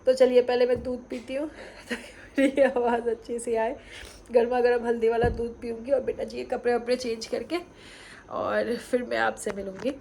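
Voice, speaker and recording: A woman's voice: fairly high pitch, level tone, moderate pace, creaky, a little mellow, a little hiss or hum. A young woman with a cold and sore throat, chatting casually to camera as a vlogger at home at night. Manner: chatty, fond mother talking to camera. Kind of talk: casual home vlog chat.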